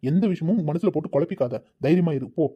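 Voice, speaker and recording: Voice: medium pitch, quick pace, husky, natural voice. A voice actor playing a protective, caring elder brother in a cartoon, coaxing and soothing. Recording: dull lo-fi recording.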